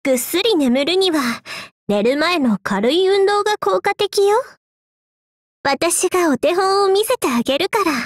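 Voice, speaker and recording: High-pitched woman, teasing and flirty, takes her time, dry close sound. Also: lively intonation, unhurried, dry recording. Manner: teasing, coquettish. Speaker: streamer. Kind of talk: ASMR role-play stream.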